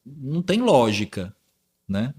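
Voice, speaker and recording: A man's voice: mid-range voice, slow, slightly rough. A man from Brazil hosting a podcast, chatting casually and acting out the dialogue when he tells stories. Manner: lively storyteller who acts out dialogue. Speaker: podcast host.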